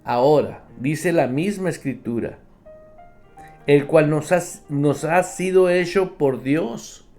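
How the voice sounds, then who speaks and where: A male pastor delivers a radio sermon in an unhurried, deliberate way, leaning hard on key words. His voice sits slightly high for a man. Faint instrumental music plays behind him. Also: dark tone. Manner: emphatic preaching, acts out believers' complaints; addresses listeners directly as brother.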